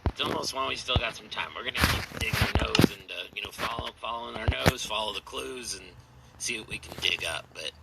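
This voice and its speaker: Gruff, raspy male player with a chest cold, jokey and rambling, distant noisy recording. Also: fairly low pitch, fairly quick. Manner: joking, rambling, casual. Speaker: tabletop game player. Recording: distant mic with loud noise.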